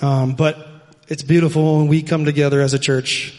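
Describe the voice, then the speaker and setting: A man's voice: a little high, flat delivery, normal speed, darkish tone. Earnest man thanking the church. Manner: earnest, thankful, with filler words. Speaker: church leader giving thanks. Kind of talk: church announcement. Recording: church sanctuary with long reverb.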